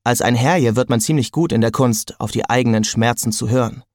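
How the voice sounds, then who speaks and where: A man reading an audiobook in the first person with wry, even storytelling. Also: medium pitch, a little fast, no echo, clean studio sound. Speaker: audiobook narrator.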